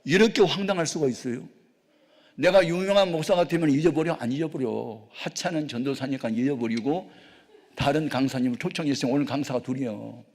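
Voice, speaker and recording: An older man preaching a sermon as a pastor, telling a personal story with animated storytelling and acted-out dialogue. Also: medium pitch, brisk. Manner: animated storytelling, acting out dialogue with shouts and hushed asides. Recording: long hall reverb.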